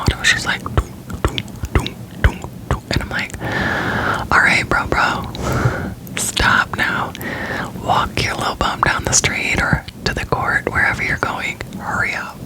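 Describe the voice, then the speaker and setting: A young American woman from Florida whispers an informal, unscripted ASMR ramble, breathy and up close to the microphone. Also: rough recording. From Florida, United States. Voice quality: whispering throughout, breathy and unvoiced. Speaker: ASMR creator.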